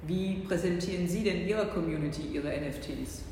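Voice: medium pitch, brisk, a little mellow, a little hiss or hum. An interviewer asks casual questions and keeps the guests going with short murmurs of agreement. The voice carries a strong echo with long reverb from a large hall. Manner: frequent short acknowledgements. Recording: echoey hall.

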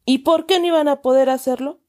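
A woman voicing a stern, pompous middle-aged uncle who loudly lectures children with exaggerated indignation. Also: high-pitched, steady tone, brisk, voice pushed up, lightly acted. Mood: scolding. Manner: loud, scolding, exaggerated indignation.

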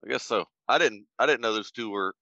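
A man with a lowish yet forceful, bright voice, trading crude, slangy jokes as a podcast co-host. His casual banter comes through a dry, slightly dull mic. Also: fairly quick, no echo.

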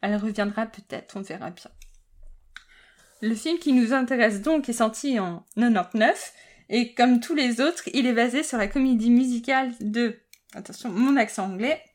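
A woman's voice: fairly high pitch, moderate pace. A woman hosting a casual podcast chat, often tripping over words, correcting herself and laughing. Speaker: podcast host.

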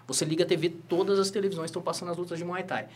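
A Brazilian man in his thirties, a lawyer who also teaches jiu-jitsu, tells stories rapid-fire in a high-sitting voice. As an animated interview guest, he keeps tagging his sentences with "né?"

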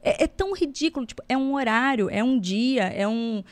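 Brazilian lady hosting a podcast, kinda high voice, cracks jokes about herself, chatty. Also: expressive. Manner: joking, self-mocking, talks in quick bursts. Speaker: podcast host. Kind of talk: casual podcast chat.

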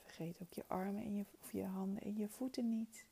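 A woman leading a guided meditation in a soft, soothing, spa-like whisper, gentle and breathy. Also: mid-range voice, steady tone, a little fast.

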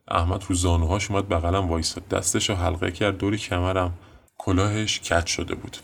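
An actor playing a young male student who recounts a chaotic night in a weary, deadpan monologue. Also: low-pitched, vocal fry. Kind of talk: dramatic monologue.

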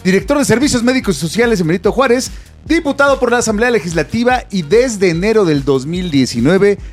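Un hombre con acento mexicano, anfitrión de podcast, bromeando y leyendo en voz alta con orgullo fingido. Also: male voice, sits high, lively intonation, a little fast, soft background music. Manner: playful, reads aloud with mock pride. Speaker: podcast host. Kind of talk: casual chat.

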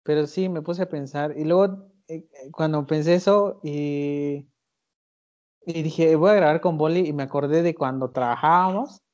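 Chatty Mexican man, somewhat high voice. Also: moderate pace, a little mellow. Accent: Mexican Spanish. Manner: chatty, hesitant fillers, laughs often. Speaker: podcast host. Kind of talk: casual chat. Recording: lo-fi recording.

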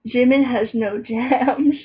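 A woman's voice: a little high, fairly even intonation, slow pace, slightly rough. A young woman rambling and teasing a friend in casual chat at home, on a dull lo-fi recording. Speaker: vlogger.

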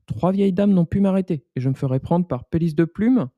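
A man's voice: high voice, fairly quick, no echo, phone-quality sound, voice pushed up, lightly acted. A man voicing a cheeky, boastful runaway pancake in a bedtime story, in a taunting singsong.

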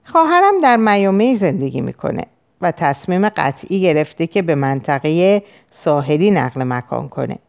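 A woman's voice: low voice, big pitch swings, gravelly, darkish tone, heavily acted. A woman reading as a hesitant male patient. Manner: hesitant, halting recollection. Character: anxious middle-aged male banker patient.

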